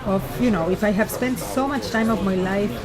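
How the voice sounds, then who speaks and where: A woman's voice: medium pitch, brisk. A woman from Argentina talking candidly and reflectively in a casual chat over a meal, often restarting her sentences. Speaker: guest in a conversation. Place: busy restaurant. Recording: loud restaurant crowd around. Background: crowd chatter.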